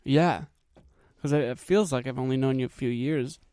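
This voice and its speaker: A young man co-hosting a podcast, trading quick teasing quips in casual chat. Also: medium pitch, warm tone, clean tone, no echo. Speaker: podcast co-host. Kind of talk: casual chat over a meal.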